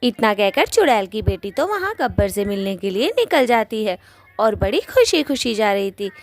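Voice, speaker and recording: A woman's voice: medium pitch, sing-song, moderate pace. A woman narrating a cartoon story in a plain storytelling way.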